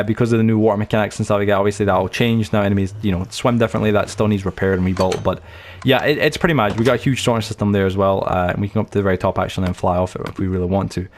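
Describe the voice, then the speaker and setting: A man's voice: fairly low pitch, steady tone, racing. A young man hosting a game channel, giving a chatty, rambling tour full of stories, fillers and restarts. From United Kingdom. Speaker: gaming channel host. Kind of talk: rambling let's-play tour commentary.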